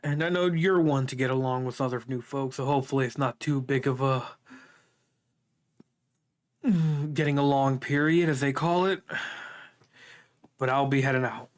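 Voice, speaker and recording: A man's voice: medium pitch, steady tone, moderate pace, long pauses. A man narrating as game master of a casual tabletop game, laughing often between rulings.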